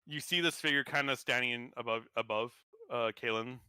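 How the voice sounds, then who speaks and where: A man's voice: medium pitch, normal speed, sharp tone, clear, resonant tone, no room sound, clean studio sound. A man narrating as game master of a tabletop game, rambling with many fillers and restarts.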